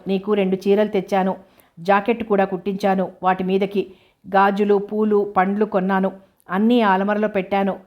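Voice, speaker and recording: A woman reading a novel aloud, voicing a worried mother who pleads and scolds in a flat, even tone. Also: mid-range voice, dull audio, lightly acted. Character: worried widowed mother, anxious, fussing.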